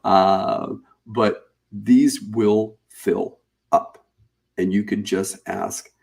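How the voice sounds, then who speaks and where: A man hosting a live webinar, pitching a paid challenge in a casual, chatty way, repeating and restarting phrases as he goes. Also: fairly even intonation, drawn-out words, creaky, a little mellow. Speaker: webinar host.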